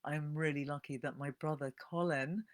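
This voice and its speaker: A woman, giving a casual, animated live-stream talk on books and greeting viewers as they join. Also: low voice, normal speed. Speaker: bibliotherapist hosting a live book talk.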